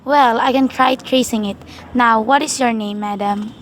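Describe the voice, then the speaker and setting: A woman's voice: fairly high pitch, fairly even intonation, moderate pace, a little hiss or hum, natural voice. A woman playing an officious telephone chief operator in a radio play, formal, procedural and detached.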